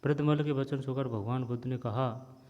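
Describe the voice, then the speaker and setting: A man's voice: medium pitch, fairly even intonation, a little mellow. Man reading a textbook story, echoey lo-fi. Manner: reads steadily, pauses to explain words. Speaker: teacher reading a textbook chapter aloud. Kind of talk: reading a story aloud with explanations. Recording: dull lo-fi sound with long reverb.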